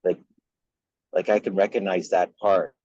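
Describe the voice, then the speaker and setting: A man talking from his car over a call that breaks up and cuts out, halting and repeating his words. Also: deep voice, flat delivery, darkish tone, no room sound. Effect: glitchy call audio that breaks up and cuts out. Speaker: podcast guest on a call. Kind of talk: casual conversation. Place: in a car while driving. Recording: lo-fi dry call line.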